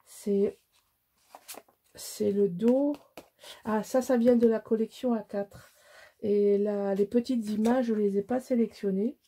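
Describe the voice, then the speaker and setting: This scrapbooking crafter, a middle-aged Alsatian woman, talks through her tutorial in a loose, rambling way, full of self-mockery and false starts. She has a mid-range voice that is gravelly and dark, with some breathiness.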